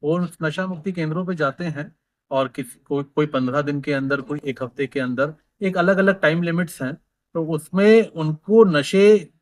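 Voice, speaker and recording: A man's voice: a little high, moderate pace, no room sound. A man, a government official, answering press questions in an explanatory way, with many fillers and restarts.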